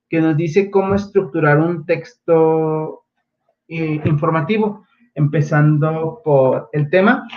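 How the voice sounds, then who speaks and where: A man with a Mexican Spanish accent teaches his young pupils over a livestream, speaking patiently and breaking up his sentences with frequent fillers. His voice sits a little high for a man. The audio is dull and lo-fi. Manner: halting, many fillers like "eh" and "este"; patient, gently instructive. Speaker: primary school teacher.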